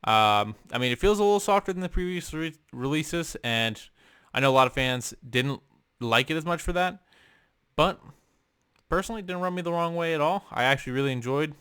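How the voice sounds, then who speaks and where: Young male vlogger, bright and crisp, rambly casual delivery, dry close sound. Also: fairly high pitch, animated, fairly quick, dry recording. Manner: rambling, many ums and uhs, casual swearing. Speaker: music vlogger. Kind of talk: casual album ranking chat. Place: home room.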